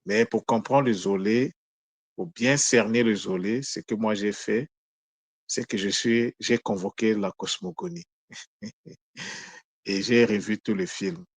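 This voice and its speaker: Slow, deliberate low-voiced spiritual teacher. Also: male voice, animated, husky, dry recording. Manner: slow, measured, explaining word by word with pauses. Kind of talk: daily spiritual teaching monologue.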